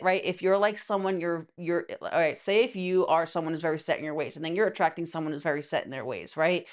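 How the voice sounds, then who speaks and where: A woman giving a casual tarot reading in a chatty, rambling way, full of asides. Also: fairly low pitch. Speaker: tarot reader.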